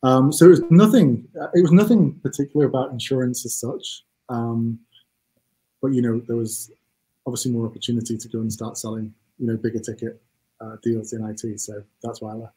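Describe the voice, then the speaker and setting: A man's voice: mid-range voice, fairly even intonation, fairly quick, mellow, poor audio. A man in his forties from Manchester with a Mancunian accent, a company CEO talking in a casual, self-deprecating way with many fillers over a video call. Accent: Mancunian English. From England. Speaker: CEO guest. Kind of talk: casual interview. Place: home office room. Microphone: video call webcam.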